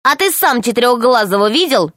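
A woman's voice: fairly high pitch, big pitch swings, a little fast, fairly bright tone, a little hiss or hum. A woman voicing a bold, cheeky young boy.

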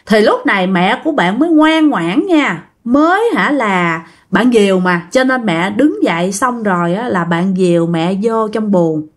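A woman's voice: mid-range voice, expressive, a little slow, few pauses. A woman casually telling a ghost story, chatting directly to her listeners.

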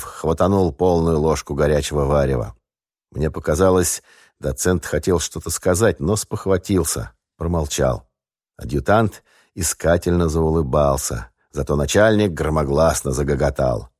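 A man narrating an audiobook in a measured, wry first-person voice. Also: very deep voice, darkish tone, slightly rough, dry recording, studio quality.

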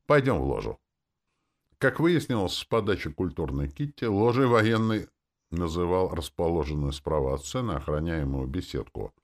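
A man narrating a fantasy audiobook in a lively reading style, voicing the crowd and characters as he goes. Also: low voice, normal speed.

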